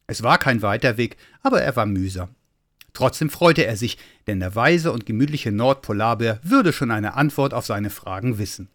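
A man reading a children's Christmas story aloud in a lively, expressive way. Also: medium pitch.

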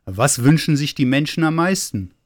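A man voicing a wise, cozy old male polar bear who talks slowly and grumbles. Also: fairly high pitch, voice pushed up, natural voice. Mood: teaching. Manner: slow, calm and grumbling.

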